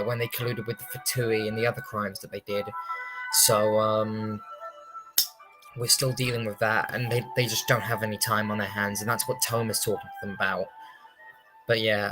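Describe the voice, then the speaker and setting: A young man with a mid-range voice gives casual, rambling, hesitant commentary while livestreaming a game. His streaming microphone also picks up the game audio and some faint game music, and the recording is rough.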